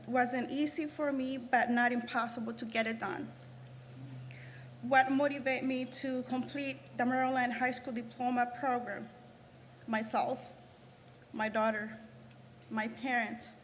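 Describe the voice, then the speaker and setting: A woman's voice: high voice, level tone. Earnest Salvadoran woman in a reverberant hall. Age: 30s. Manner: earnest, halting with restarts. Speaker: graduating student speaker. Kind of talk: prepared ceremony speech. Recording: reverberant hall, faint noise.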